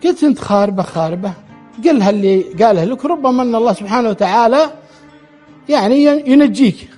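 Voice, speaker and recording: A man's voice: very high-pitched, lively intonation, fast talker, mellow, soft background music. A man telling a true story aloud, relaying the dialogue in quotes and often restarting his words. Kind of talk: spoken storytelling.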